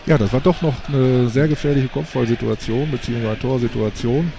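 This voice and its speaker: Male football commentator over clear background noise. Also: medium pitch, brisk. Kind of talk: live play-by-play football commentary. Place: outdoors at a football ground. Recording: noisy outdoor stadium recording.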